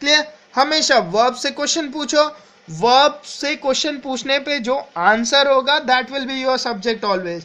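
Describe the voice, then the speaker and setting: A man with an Indian accent teaching an English grammar lesson, explaining step by step and often asking "clear?". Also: extremely high pitch, measured pace, pushed and bright, rough recording. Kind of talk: exam-prep grammar lesson.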